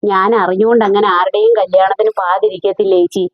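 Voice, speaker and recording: A woman's voice: mid-range voice, level tone, fast talker, dry recording, close to an everyday voice. A woman in her thirties playing a kind-hearted young wife in a comic skit, soothing and reassuring an older neighbor. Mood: consoling. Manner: soothing and reassuring, repeats "chechi". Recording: dull dry recording.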